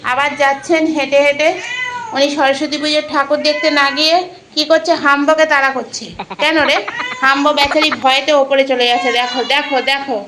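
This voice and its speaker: A woman's voice: high-pitched, noisy background. A woman narrating her pet video and talking to the animals with playful commentary. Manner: playful running commentary, scolding pets. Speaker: pet vlogger.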